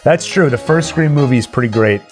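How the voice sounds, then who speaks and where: A man with a mid-range voice talks a little fast as he hosts a casual livestream, chatting directly with his viewers. Game music and a tune play in the background.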